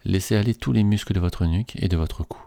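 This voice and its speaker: A man slowly reading a guided relaxation script in a soothing, measured way. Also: sits low, creaky, dark tone, dry recording.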